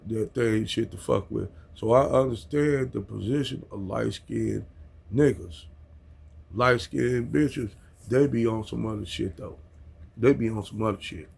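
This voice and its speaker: An American vlogger rants casually at home, speaking bluntly in heavily profane street talk and chuckling at his own points. His mid-range voice is gravelly with a darkish tone and a breathy edge.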